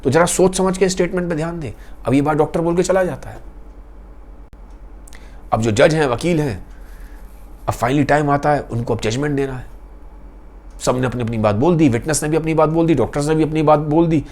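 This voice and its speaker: A man's voice: on the high side, brisk, pauses often, darkish tone. A man retelling a classic novel in a casual, conversational and dramatic storytelling style.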